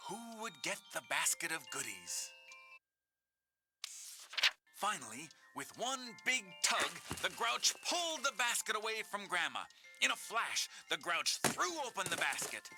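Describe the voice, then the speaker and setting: A man playing an expressive narrator of a children's storybook. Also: high-pitched, unhurried, music in the background, exaggerated voice. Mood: storytelling. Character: animated male storybook narrator.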